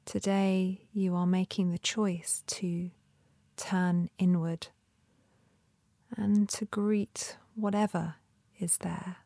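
Female meditation guide, lowish creaky voice, soft and breathy, soothing and unhurried. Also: flat delivery, no echo. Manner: gentle, soothing, unhurried instruction with long pauses.

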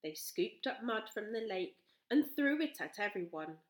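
Expressive woman reading a children's story. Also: medium pitch. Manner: slow, expressive. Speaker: storybook reader. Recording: roomy echo.

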